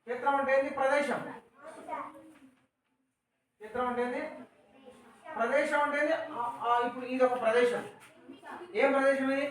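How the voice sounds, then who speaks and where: Echoey Telangana teacher, far from mic. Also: male voice, extremely high pitch, steady tone, moderate pace, pauses often. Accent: Telangana Telugu. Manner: patient, explains words and asks questions. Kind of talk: classroom lesson with call-and-response. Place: school classroom.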